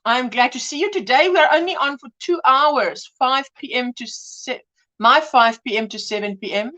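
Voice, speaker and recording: A woman with a high-pitched, bright, forceful voice speaks at a moderate pace while hosting a casual crochet livestream. Drowsy from pain tablets, she chats and greets viewers by name, her home language a mix of English and Afrikaans.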